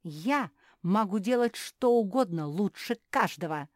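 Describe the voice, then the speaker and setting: A woman voicing an indignant, bossy female dog servant who shouts and scorns everyone in a storybook reading. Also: medium pitch, animated, measured pace, dry recording, studio quality, pitched above the performer's own voice, close to an everyday voice. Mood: furious.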